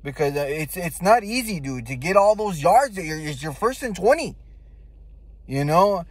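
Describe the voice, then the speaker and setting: A man's voice: high-pitched, lively intonation, normal speed, dry recording. A man giving casual sports fan commentary in a blunt, emphatic way, with slang and swearing. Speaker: football fan giving game reaction.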